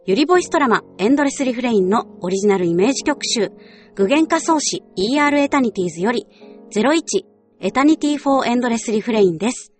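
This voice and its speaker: This radio host and voice actress talks fast in an expressive, higher-pitched voice, keeping things polite and scripted while slipping in friendly, informal asides. Music plays in the background throughout.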